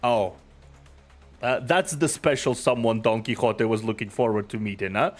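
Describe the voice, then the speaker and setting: A man's voice: lowish voice, moderate pace, soft background music. A man casually narrating a game and reading its dialogue aloud as a streamer.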